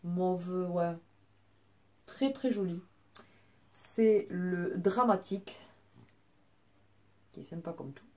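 Chatty woman with a mellow, low voice. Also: slow, long pauses. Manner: chatty, many fillers and restarts, apologizes for her English. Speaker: beauty vlogger. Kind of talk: casual product show-and-tell.

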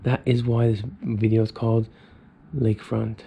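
Inside a fire-damaged abandoned house, an urban explorer vlogger in his thirties muses to his viewers while filming a casual walkthrough on a handheld camera. He speaks at a normal speed with a fairly low pitch, little pitch movement and vocal fry, and the recording is muffled with slight background noise.

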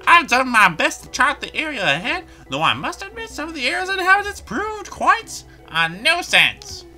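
A man's voice: very high-pitched, wildly swooping pitch, normal speed, bright, forceful tone, pitched above the performer's own voice, exaggerated voice. A man voicing a prim, chatty male bug mapmaker with a nasal, nerdy voice while reading game dialogue aloud. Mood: prim, cheerful. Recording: game music playing underneath.

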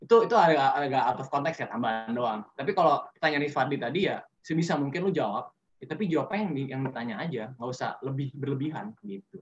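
A man on a webinar call gives relaxed, slangy advice at a mid pitch. He keeps breaking into little acted-out sample answers. The call audio is dull and lo-fi. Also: fast talker. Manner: slangy, animated, acts out example answers. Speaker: webinar speaker. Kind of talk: casual advice talk. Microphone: video call.

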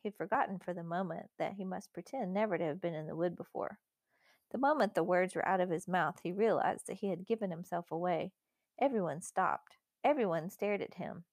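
A woman reading a children's storybook aloud as the narrator, clear and measured. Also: on the low side, no echo, clean studio sound. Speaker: audiobook narrator.

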